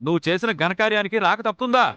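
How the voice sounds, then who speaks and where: An actor playing an angry male creditor demanding his money, speaking loud and insistent. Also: high-pitched, very fast, lo-fi sound, music in the background, close to an everyday voice. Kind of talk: TV serial acting.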